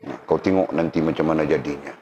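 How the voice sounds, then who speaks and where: A man's voice: rumbling low, fast, dark tone. A man giving a religious lecture, teasing and addressing his audience directly. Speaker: religious teacher. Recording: roomy, dull lo-fi, faint background noise.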